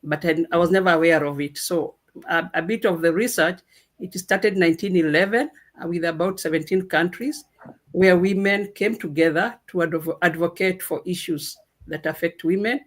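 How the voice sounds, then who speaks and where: A woman from Kenya speaking on a radio panel, telling her story slowly with many hesitations. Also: on the low side. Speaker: guest speaker. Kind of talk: casual panel talk.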